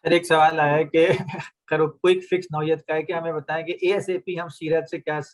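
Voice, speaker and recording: A man's voice: fairly high pitch, little pitch movement, rough recording. A man with a Pakistani accent moderating a webinar, politely reading out audience questions to the speaker. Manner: polite, addresses the speaker as sir. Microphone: video call.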